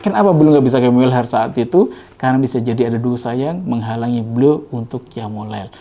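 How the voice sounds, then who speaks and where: A man gives a Ramadan religious talk in a mellow, warm voice at an ordinary pitch. He preaches gently and conversationally and slips into lively storytelling. His tone stays close and friendly. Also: quick pace.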